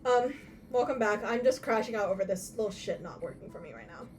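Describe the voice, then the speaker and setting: A woman's voice: medium pitch, animated, brisk, a little mellow, a little hiss or hum. A young adult woman chatting casually on a livestream in a sweary, slangy, muttering way, heard from far off on a laptop mic. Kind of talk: casual livestream chat while crafting. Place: her room at home. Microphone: far from mic, laptop at a distance. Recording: distant laptop mic, music behind. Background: music.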